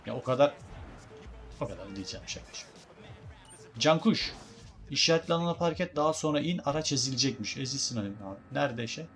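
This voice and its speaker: A man chatting and joking through a let's-play, addressing his viewers as guys. His voice sits at a middle pitch. Faint game music runs in the background. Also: lively intonation, fairly quick, pauses often, fairly bright tone. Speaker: gaming YouTuber. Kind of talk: casual let's-play commentary.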